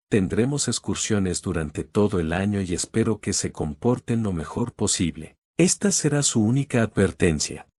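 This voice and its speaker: A man voicing a calm, firm American male teacher, speaking in a measured, unflustered way. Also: sits low, no echo, studio quality.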